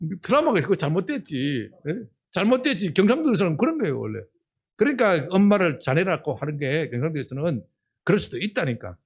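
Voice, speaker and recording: An older man, a senior pastor with a Gyeongsang accent, preaching a sermon in a church in a humorous, animated way and often checking in with the congregation. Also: a little high, fast talker, slightly rough. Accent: Gyeongsang Korean. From Gyeongsang region of Korea. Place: church sanctuary.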